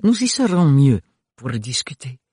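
A man voicing an elegant aristocratic woman who speaks slowly in a purring, refined way. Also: mid-range voice, very animated, warm tone, husky, no room sound, clean studio sound. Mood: gracious.

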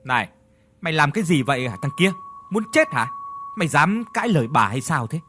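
Man doing a bullying shouting maid. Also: on the high side, sing-song, fairly quick, slight background noise. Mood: scolding. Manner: shouting, threatening. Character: harsh bullying woman servant.

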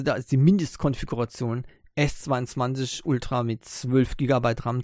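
Gravelly man hosting a tech podcast. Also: medium pitch, darkish tone, no room sound, studio quality. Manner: hesitant, many fillers. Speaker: podcast host. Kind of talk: casual tech news podcast.

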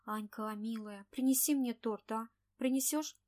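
A woman voicing a sick, worn-out young actress who speaks slowly, in an audiobook reading. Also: medium pitch, lightly acted. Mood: weary. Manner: slow, tired, drawn out.

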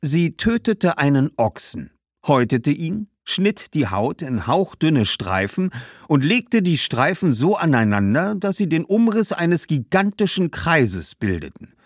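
A thoughtful young girl retelling a legend to her brother, voiced by a man. The voice is raised high and steady, earnest and explanatory, recorded dry and close. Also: unhurried, no room sound. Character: thoughtful young girl, storytelling older sister. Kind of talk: storybook character voice.

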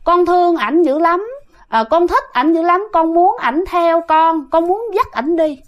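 A lovesick young female ghost, as a woman narrator puts her on, talking softly and sweetly with a Southern Vietnamese accent. She pleads in a high, gentle voice. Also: lively intonation, a little slow, muffled recording. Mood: pleading.

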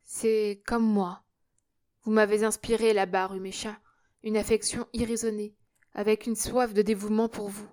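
A woman reading the part of a loyal, warm-hearted young male worker, speaking tenderly and earnestly. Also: medium pitch, flat delivery, moderate pace, close to an everyday voice. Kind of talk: audiobook character reading.

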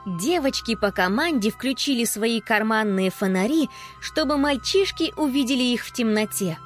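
A woman narrating a children's storybook aloud in an expressive, lively storytelling manner. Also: a little high, normal speed, faint music behind. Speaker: audiobook narrator.

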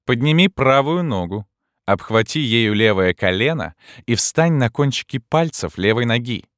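Give me a mocking, bossy vagabond king, put on by a man reading aloud, loud and lifted. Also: mid-range voice, animated, moderate pace, dry recording, clean studio sound, pitched above the performer's own voice, close to an everyday voice. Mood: commanding. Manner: commanding, scornful.

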